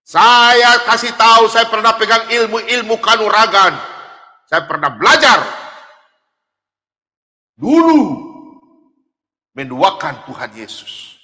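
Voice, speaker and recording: Middle-aged male preacher, very high voice, animated, laughing and shouting at times, long hall reverb. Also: takes it slowly, pauses often. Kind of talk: sermon.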